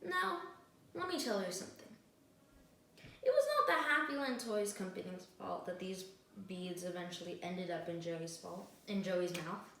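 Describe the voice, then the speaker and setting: A woman's voice: on the low side, normal speed, fairly bright tone, a little hiss or hum. Woman doing a closing argument like a student lawyer, earnest n emphatic, mic kinda far, super echoey. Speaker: student mock trial defense attorney. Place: echoey indoor room, recorded from a distance. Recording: very echoey room, distant microphone.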